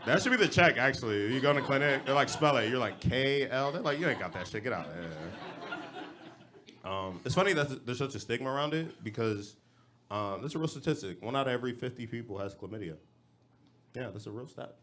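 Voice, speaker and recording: A young man from Los Angeles performing a stand-up comedy set on a club stage, talking in a casual, slangy, deadpan way. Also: medium pitch, quick pace.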